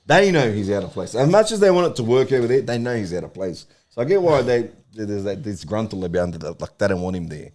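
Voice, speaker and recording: Man, animated fan chat, very lively pitch. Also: quick pace, hardly any pauses. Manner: animated, swearing, says bro a lot. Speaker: football podcast co-host.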